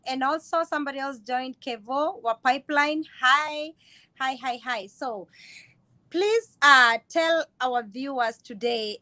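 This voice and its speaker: A woman hosts a casual live stream. Her voice sits high, and she keeps dropping in short affirmations while her guest talks. The sound is close and dry, with almost no room. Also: a little slow, no room sound. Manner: warm greetings, frequent brief affirmations. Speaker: host.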